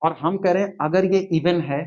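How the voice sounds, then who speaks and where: A man teaching a math lecture at the board, quizzing his students and slowly counting through terms. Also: high-pitched, a little mellow, lo-fi sound.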